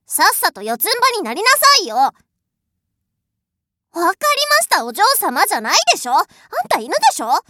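In an adult audio drama role-play, a woman performs a full character voice as a haughty, spoiled rich young lady who is bossy, cruel and scornful. Her high voice is pushed and bright with big pitch swings, fairly quick, and imperious, scornful and mocking.

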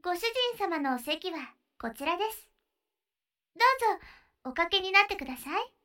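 A woman voicing a sweet, attentive young maid in an ASMR roleplay, speaking with polite honorifics and gently guiding her master. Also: very high-pitched, sing-song, normal speed, heavily acted. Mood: cheerful, welcoming. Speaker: maid café maid.

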